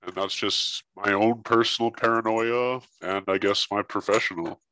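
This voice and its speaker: Man speaking through a deepening voice changer. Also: steady tone, moderate pace, bright, forceful tone, no echo, rough recording. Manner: blunt, swears casually. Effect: voice changer disguising his voice. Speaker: guest, investigator. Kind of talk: casual interview chat.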